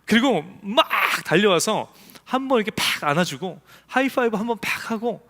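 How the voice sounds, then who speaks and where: Male pastor, high voice, lively swooping delivery, emphatic sermon, long church-hall reverb. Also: moderate pace. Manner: emphatic, acts out quoted voices. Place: church sanctuary.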